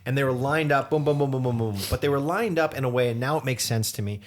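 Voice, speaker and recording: A man in his forties, co-hosting a podcast and telling a story in a casual, animated way. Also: medium pitch, fast. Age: 40s. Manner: animated storyteller, acts out quoted voices. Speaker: podcast co-host.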